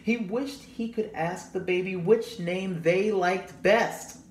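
In a high-pitched, slow voice, a young man expressively reads a storybook to children and chats with them in asides along the way. The recording sounds roomy and echoey, with background noise you can hear.

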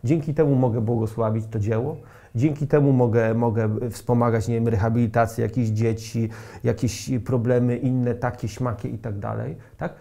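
A middle-aged man from Poland delivers a sermon with a gravelly edge and a dark, mellow tone. He drives his points home emphatically and keeps throwing rhetorical questions at his listeners. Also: medium pitch, level tone, normal speed. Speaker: preacher.

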